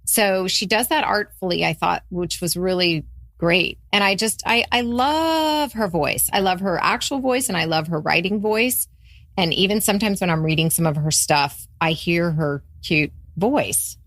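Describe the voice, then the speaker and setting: A woman's voice: on the low side, normal speed, a bit bright, no echo, clean studio sound. A woman co-hosting a podcast, chatting casually and enthusiastically about a student's story, with hesitant starts. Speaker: podcast co-host.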